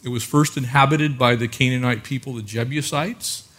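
A man's voice: mid-range voice, steady tone, moderate pace, a bit bright. A male pastor preaching a sermon into a pulpit microphone, conversational with frequent filler words, calling out for an amen.

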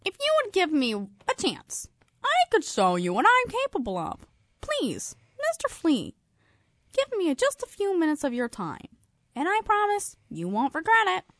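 A tiny, pushy house fly with a shrill, very high voice that swoops all over the place, as a woman puts it on. It pleads eagerly and sounds bright and sharp. The recording is dry and close, with no room sound. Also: wildly swooping pitch, normal speed, no echo, full character voice. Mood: pleading. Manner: squeaky, pleading, rising to shouts.

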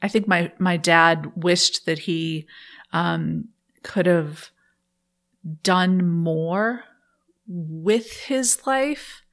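A woman's voice: on the low side, very slow. A woman guest speaking thoughtfully in an interview, laughing often while she tells a personal story.

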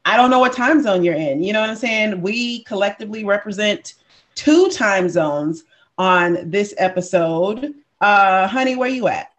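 A man from the US East Coast hosts a casual podcast with playful, animated energy. He jokes easily and breaks into laughter often. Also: high-pitched, moderate pace. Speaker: podcast host.

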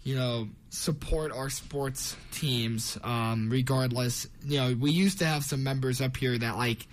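A man's voice: medium pitch, a little slow, slight background noise. A young man hosting a college sports radio show in a casual, chatty way. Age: young adult.

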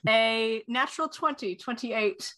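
A woman's voice: a little high, a little slow, pushed and bright, poor audio. A woman chatting casually as a player in a tabletop roleplaying game.

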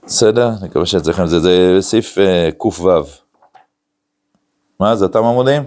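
A man, a rabbi, giving an animated Talmud study lecture, acting out quotes and using many filler sounds. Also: low voice. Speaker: rabbi teaching a class.

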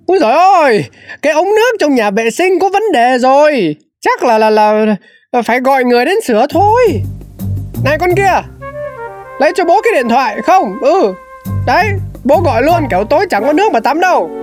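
A stubborn middle-aged cartoon dad who grumbles and complains with exasperation. The voice sits rather high for a father. Light music runs in the background. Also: animated, fairly quick, darkish tone. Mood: fussing. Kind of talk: cartoon voice acting.

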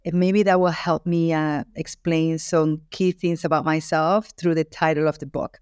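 A woman's voice: sits low, flat delivery, normal speed, darkish tone, clear, resonant tone, dry recording, clean studio sound. A woman from Ecuador, an author being interviewed, speaking earnestly and reflectively, with frequent restarts. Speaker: author and guest. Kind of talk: interview answer.

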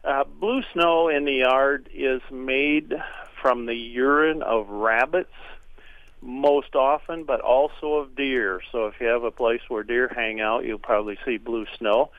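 A man calling in to a radio show, spinning folksy, joke-filled stories in a voice of middling pitch. His voice comes through a thin, narrow phone line, dry and close with no room sound. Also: fairly even intonation, a little slow, dry recording. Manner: folksy, joking storyteller. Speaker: regular birding guest on a radio show. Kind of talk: casual radio chat.

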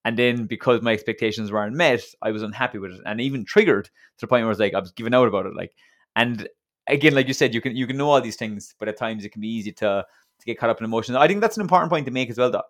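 A man's voice: medium pitch, rapid-fire. An Irish man, a coach, chatting on a podcast in an earnest, reflective way with frequent restarts. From Ireland. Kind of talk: casual podcast chat.

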